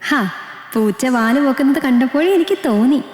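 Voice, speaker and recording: A woman's voice: high voice, lively intonation, moderate pace, a little mellow, voice pushed up. Woman reader playing a teasing young man, affectionate, roomy reverb. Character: playful young man in love.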